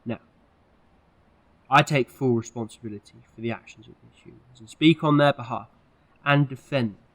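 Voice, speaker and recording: A man's voice: mid-range voice, moderate pace, fairly bright tone, close to an everyday voice, rough recording. A man playing an eccentric, protective time-travelling hero in an amateur audio drama, earnest and theatrical in delivery. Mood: protective pleading.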